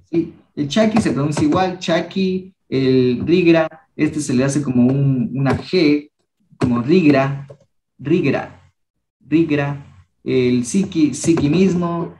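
Unhurried young male language teacher, echoey. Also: fairly high pitch, mellow, a little hiss or hum. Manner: patient, repeats each word slowly for pronunciation. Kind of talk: teaching a class.

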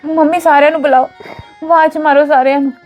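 A woman's voice: high voice, fairly even intonation, fast talker, highs cut off, faint music behind, natural voice. A woman with a Punjabi accent playing a devoted daughter who angrily scolds her brothers for how they have treated their mother. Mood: distressed. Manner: scolding, emphatic. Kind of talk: Punjabi family drama acting.

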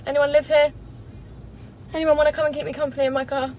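A fast-talking English singer in her twenties chats with her live-stream audience from a parked car, reading comments into a propped-up phone. Her voice sits high with a darkish tone and little pitch movement, and her manner is bubbly, chatty and giggly. The audio is poor, with slight background noise.

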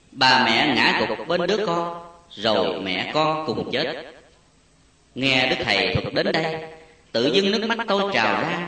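A man reading a Buddhist memoir story aloud in a solemn, slow way, with a rising and falling voice, recorded far from the mic in an echoey space. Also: medium pitch. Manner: slow, solemn, lively rise and fall. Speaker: narrator. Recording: echoey and distant.

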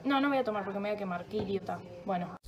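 In a rapid-fire, mid-range voice, a young Rioplatense-accented woman chats casually for a vlog in her home kitchen. She rambles, teases herself and swears freely, all while nursing a sore throat and stuffy nose.

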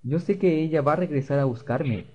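A man's voice: fairly high pitch, a little fast, a little mellow, slight background noise, voice pushed up, natural voice. A man voicing a frightened, timid little boy in game dialogue, stammering as he speaks. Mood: stubborn. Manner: stammering, fearful. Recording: dull lo-fi recording.

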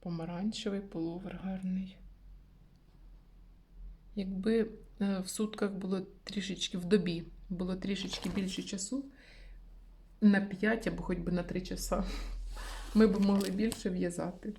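A woman hosting a knitting channel, reviewing a magazine in a soft, often whispered way, pausing with fillers. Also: mid-range voice, fairly even intonation, slight background noise.

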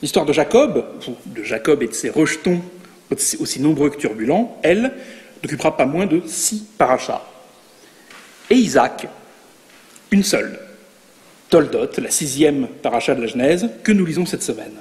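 Guy giving a sermon, kinda high voice, wry and lively, big hall echo. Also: normal speed, pauses often. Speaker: preacher. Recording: long reverb in a large hall.

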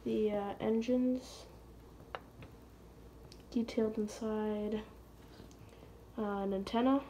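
Slow, hesitant woman unboxing a model. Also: medium pitch, fairly even intonation, dark tone, a little hiss or hum. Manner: hesitant, many ums and pauses. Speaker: scale model reviewer. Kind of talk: casual unboxing review. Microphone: phone camera.

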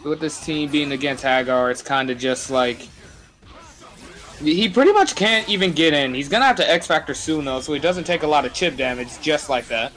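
A man's voice: fairly high pitch, normal speed, a bit bright. A man giving casual live play-by-play commentary on a fighting game. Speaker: esports match commentator.

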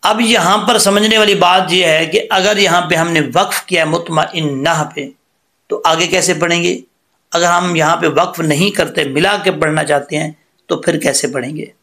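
A middle-aged man teaching Quran recitation, patiently explaining tajweed pronunciation step by step and often pausing to check in with his listeners. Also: fairly high pitch, fairly even intonation, pushed and bright. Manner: repeats and corrects points as he goes.

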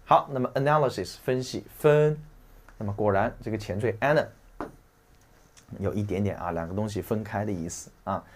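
A man teaching English vocabulary in a chatty lecture. He uses many filler particles and slows down to read English phrases aloud. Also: on the low side. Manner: explains in a chatty way, with frequent trailing "啊" and "对吧".

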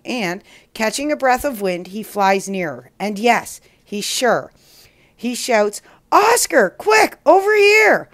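A woman hosting a children's story show, reading a picture book aloud in a slow, expressive way. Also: mid-range voice. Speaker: storyteller host.

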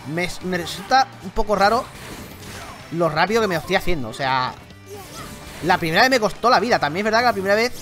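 Young man, Spain Spanish accent, gaming commentary, chatty and excitable, clear game music underneath. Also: high-pitched. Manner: excitable, chatty, slangy, talks to viewers. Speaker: gaming YouTuber. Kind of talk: live gameplay commentary.

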